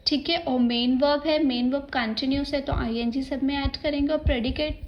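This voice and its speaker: A woman's voice: sits high, steady tone, brisk, highs cut off. A woman with an Indian accent teaching an exam-prep grammar lesson, explaining each rule step by step and spelling words out letter by letter. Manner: mixes English terms into Hindi speech.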